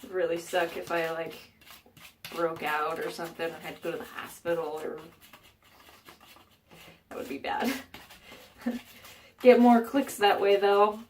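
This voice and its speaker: A woman with a lowish voice speaks at a measured pace with long pauses, a faint hiss or hum on the audio. She's vlogging a how-to from her bathroom, slightly congested, rambling with fillers and poking fun at herself.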